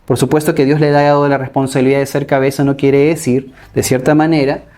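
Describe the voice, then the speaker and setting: A male pastor preaches a sermon with a fast, flat, slightly mellow medium-pitched voice. He holds his listeners' attention with constant rhetorical questions and a repeated tag, "¿no?".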